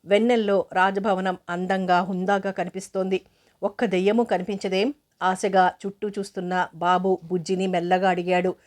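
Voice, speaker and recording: Steady, flat-voiced woman narrating a novel. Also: lowish voice, normal speed. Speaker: audiobook narrator.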